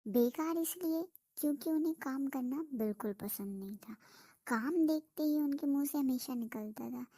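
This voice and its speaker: Woman narrator for a cartoon story, soft and gentle, high-pitched, dry close sound. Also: normal speed, no room sound.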